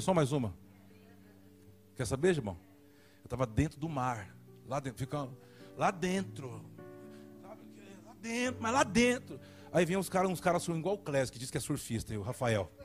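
Pastor guy telling a funny story in his sermon, voice a bit high and super lively, faint music behind. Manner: comic storytelling, animated.

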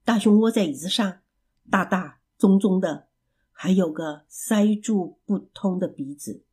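A woman storyteller reading a children's story aloud in an expressive, animated way. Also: mid-range voice, a little slow, slightly rough.

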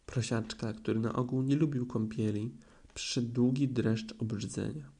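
A man narrating a children's storybook in a gentle storytelling manner. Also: medium pitch, steady tone, normal speed, vocal fry. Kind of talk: children's audiobook reading.

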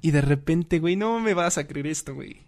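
Speaking briskly in a fairly high voice, a young Mexican man spins a story in relaxed, slang-heavy conversation. His Mexican Spanish accent comes through as he laughs and narrates with animation.

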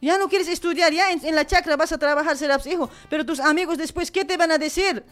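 A woman's voice: high-pitched, fast, a bit bright, voice pushed up. A woman improvising a scolding mother who nags and threatens her lazy schoolboy son. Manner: nagging, threatening, repetitive scolding. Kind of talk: improvised comic role-play on air. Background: music in the background.

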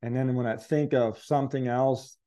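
A man's voice: medium pitch, steady tone, moderate pace, dark tone. A man earnestly recounting a spiritual experience as an interview guest, reflective and searching for words. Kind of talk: conversational testimony.

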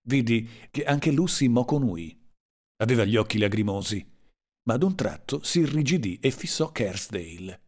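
A man reading a literary story aloud in a slow, dramatic and measured way. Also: medium pitch, expressive. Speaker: audiobook narrator. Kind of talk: scripted literary narration.

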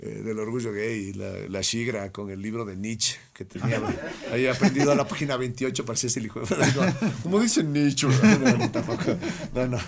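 A man's voice: mid-range voice, moderate pace, creaky, crowd noise. A man, a guest in casual chat, rambling and self-mocking and laughing often.

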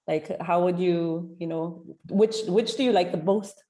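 A woman with a lowish, mellow voice hosts a casual interview. Her questions run long and loose, with many fillers. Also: unhurried. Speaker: interview host.

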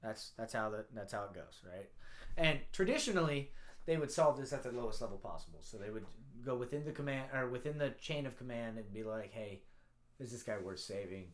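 Man, navy veteran, casual storytelling, profane, animated. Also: medium pitch, fairly quick.

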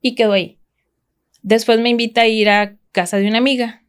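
A woman's voice: a little high, steady tone, brisk, smooth. A woman from Mexico, a podcast guest, telling a personal story in a casual, rambling way with frequent restarts.

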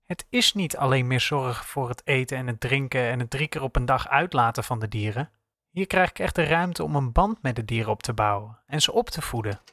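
A man voicing an enthusiastic male animal shelter worker being interviewed on TV, speaking softly. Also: medium pitch, lively intonation, fairly quick, no echo, studio quality. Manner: soft-spoken, enthusiastic.

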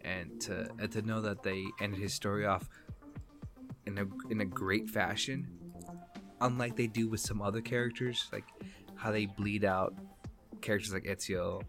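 A young man with a low, gravelly voice chats casually as a podcast co-host. He rambles, restarts and repeats himself while he thinks. Music plays clearly behind him. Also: steady tone, moderate pace. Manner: rambling, self-correcting, often repeats words. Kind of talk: casual chat.

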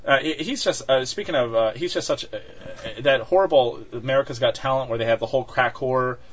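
A man's voice: mid-range voice, fairly quick. A man co-hosting a podcast in casual chat, talking with many fillers and restarts and laughing often. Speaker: podcast co-host. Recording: dull lo-fi sound.

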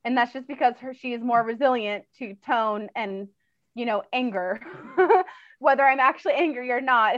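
A woman's voice: on the high side, dry recording. A woman who trains dogs, speaking as an interview guest in a casual, chatty way, full of fillers and laughter, on slightly dull audio.

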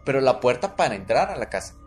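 A man with a Mexican accent recounts a creepy story from his childhood on a podcast, speaking fast and very animatedly in a medium-pitched voice. Chatting casually, he keeps checking in with his listener using "¿no?" and "¿verdad?". Faint music plays in the background.

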